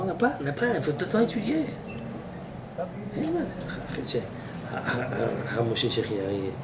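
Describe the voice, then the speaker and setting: A man preaches as a rabbi, his pitch swinging widely as he bursts into exclamations. He stands some way from the mic in an echoey hall. Steady background noise hangs around his voice. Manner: animated, exclamatory storytelling with sudden high outbursts. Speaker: rabbi giving a Torah class. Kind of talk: lively sermon with anecdotes. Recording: echoey room, voice from far off, noisy.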